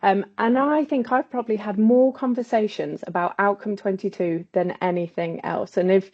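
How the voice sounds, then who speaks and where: A woman's voice: medium pitch, steady tone, normal speed. Woman chairing a webinar, audio keeps cutting out. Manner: warm, eager welcoming tone. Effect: audio cutting out on a bad connection. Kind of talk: hosting an online panel. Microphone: video call. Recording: dull lo-fi video call audio.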